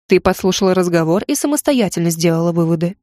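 A woman's voice: lowish voice, animated, quick pace, mellow, dry recording, studio quality, pitched below the performer's own voice, natural voice. A woman voicing a grumpy stern mage. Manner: curt and grumbling. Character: stern young male mage, irritable, dry.

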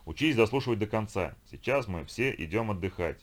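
A man voicing a brisk, impatient woman crew leader in an audiobook. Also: fairly low pitch, animated. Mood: firm. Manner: firm, impatient, bossy. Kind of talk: audiobook character voice.

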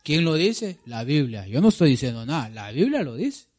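A man's voice: medium pitch, big pitch swings, moderate pace, darkish tone. A man preaching a sermon, dramatically asking the congregation questions and answering them himself.

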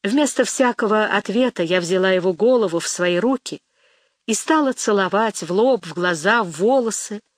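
A woman reading a first-person diary aloud in a calm, measured storytelling manner. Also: medium pitch, no echo, clean studio sound. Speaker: audiobook reader.

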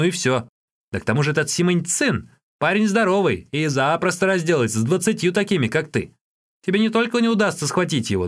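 A man voicing a cheeky young male street peddler who chatters in a high, excited voice.

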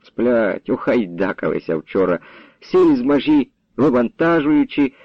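A man's voice: mid-range voice, big pitch swings, measured pace, no echo. A man voicing a tired, placating middle-aged village father. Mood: weary. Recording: dull, dry recording.

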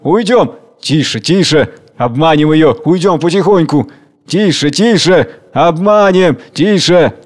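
A man's voice: fairly high pitch, expressive, a little slow. A man voicing a crowd of cowardly, sly guests who hiss and whisper spitefully. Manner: hissing, sly, scared.

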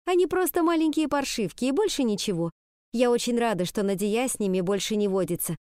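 A woman's voice: a little high, expressive, a little fast, darkish tone, clean tone, dry recording, studio quality, lightly acted. A woman voicing a kind, protective older schoolgirl with a reassuring manner.

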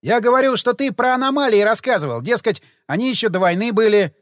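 A man voicing a quarrelsome, mocking man who talks loudly and needles others, in a dry close recording. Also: sits high, quick pace, no room sound, voice pushed up, close to an everyday voice. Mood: gruff, prodding. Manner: mocking, snorting, loud. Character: gloating, quarrelsome man, jeering.

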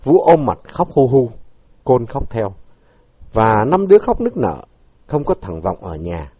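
Husky man reading a story dramatically. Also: medium pitch, sing-song, a little slow, warm tone, dry recording. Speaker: narrator. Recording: dull lo-fi dry recording.

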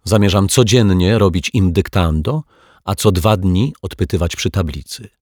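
A man's voice: sits low, moderate pace, darkish tone, no room sound, studio quality. A man voicing a strict, unsmiling woman teacher with curt, prim answers in an audiobook. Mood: stern. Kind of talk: audiobook character voice.

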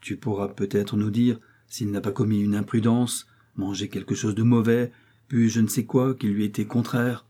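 A man's voice: on the low side, flat delivery, moderate pace, dark tone, husky. A man voicing an older, trusting male marquis who speaks in a kindly, earnest, fatherly way.

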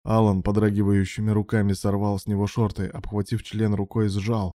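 A male narrator reads a romance story aloud in an even, measured way. His voice sits low, with a dark, mellow tone. The sound is dry and close to the mic. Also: no room sound. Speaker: audiobook narrator.

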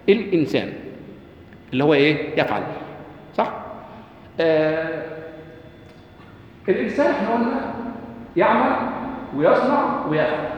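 A man with an Egyptian Arabic accent giving a lecture on Quran rhetoric, asking his class questions and quoting verses slowly. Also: sits high. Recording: echoey hall, dull lo-fi.

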